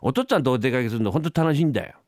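A man's voice: medium pitch, expressive, racing, darkish tone, no echo, clean studio sound, close to an everyday voice. A man voicing a cheeky, scheming little boy in a rakugo story, impish and wheedling.

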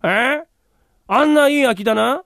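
A man's voice: very high-pitched, a bit bright, dry recording, studio quality, pitched above the performer's own voice, exaggerated voice. A man voicing a hot-headed, impatient tenant, in rakugo storytelling. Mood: brash. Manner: rough, quick-tempered, heckling.

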